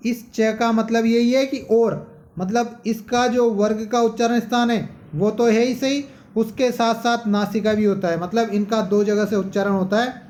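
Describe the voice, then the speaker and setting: Slow, high-voiced man teaching phonetics. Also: a little mellow. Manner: slow, repeats and dictates syllables one by one; asks questions then answers them himself. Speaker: Sanskrit teacher. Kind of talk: classroom grammar lesson.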